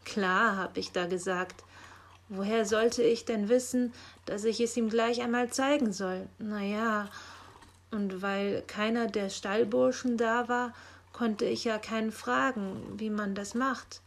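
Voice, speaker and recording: A woman's voice: a little high, fairly even intonation, slow. A woman voicing a clumsy, naive young male helper who talks in a chatty, earnest way. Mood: explaining.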